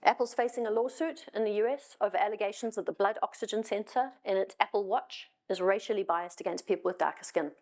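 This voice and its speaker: A middle-aged South African woman speaks on a hall stage as a conference speaker, delivering a conversational talk full of wry asides and frequent ums. Her mid-range voice is a little mellow, and she talks fast with few pauses.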